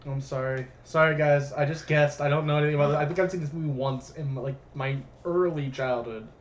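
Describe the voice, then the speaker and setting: A man's voice: fairly high pitch, steady tone, fairly quick, a little hiss or hum. A young man co-hosting a casual movie commentary, rambling, correcting himself and apologizing as he goes. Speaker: podcast co-host. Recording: roomy, dull lo-fi sound.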